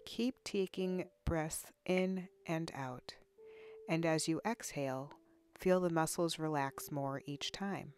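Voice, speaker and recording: A woman counselor narrates a guided body scan meditation in a slow, low, slightly mellow voice. She's soothing and unhurried, giving instructions with long pauses.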